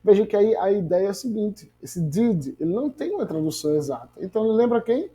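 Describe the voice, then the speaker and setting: An English teacher gives a grammar lesson, asking rhetorical questions and drilling example phrases slowly. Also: medium pitch, very animated, mellow, rough recording.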